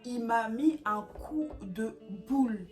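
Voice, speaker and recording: A young woman from France tells a story to camera with lively, slangy drama, her voice sitting a little high for a woman. Music plays clearly underneath her talk. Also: takes it slowly. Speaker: YouTuber telling a story. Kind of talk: animated storytime vlog.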